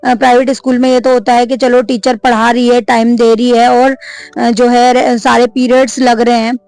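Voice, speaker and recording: A woman's voice: fairly high pitch, level tone, moderate pace, gravelly, a little mellow, smooth, no echo, soft background music. A woman in her thirties, a vlogger and mother, chatting casually to camera, many fillers, and a complaining tone.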